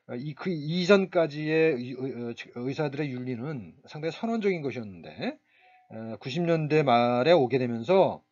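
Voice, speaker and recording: A man giving a recorded university lecture, speaking haltingly with many fillers and restarts. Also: mid-range voice, darkish tone, highs cut off.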